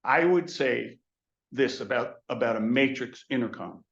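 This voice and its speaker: Giving a webinar on theater intercoms, this older intercom industry educator talks in loose stretches full of fillers and restarts. His mid-range voice is creaky and a bit bright, his pace measured, and the sound lo-fi.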